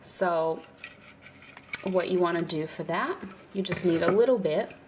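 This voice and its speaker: Sitting at an indoor craft table while birds sing outside, a woman stuffed up from a cold walks through a hands-on tutorial in a relaxed, chatty way, using fillers and little laughs. Her lowish voice is unhurried and a little mellow, with slight background noise.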